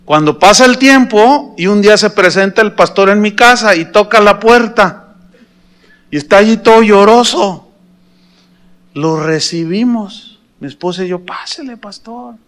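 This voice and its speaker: A man's voice: high voice, measured pace, fairly bright tone. A middle-aged man with a Mexican accent preaching a sermon, telling a personal story with humor and questions to the congregation. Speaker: pastor.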